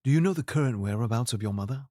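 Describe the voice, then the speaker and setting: An actor in an audio drama playing King Arthur as a troubled, regal and earnest ruler who speaks in formal, measured courtly phrasing. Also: mid-range voice, animated, dark tone, dry recording, studio quality, natural voice. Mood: probing.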